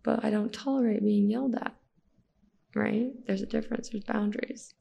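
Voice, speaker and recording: A woman's voice: medium pitch, moderate pace, vocal fry, highs cut off, slight background noise. A woman in her thirties with an American accent, a podcast guest talking candidly and telling stories with laughter. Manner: candid, animated storytelling with laughs. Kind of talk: casual conversational interview.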